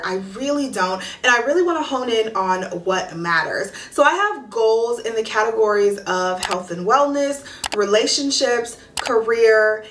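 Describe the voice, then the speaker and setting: Speaking straight to her audience, a woman in her thirties who runs a lifestyle vlog hypes viewers up about the coming year in a cheerful, chatty way. Her medium-pitched voice has a fairly bright tone and comes from far off the mic, with a little hiss or hum. The recording is echoey with faint music.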